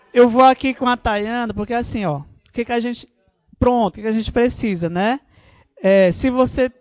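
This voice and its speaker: A woman leading a worship workshop in an informal, animated teaching style, often adding tag questions. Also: fairly high pitch, no room sound, clean studio sound.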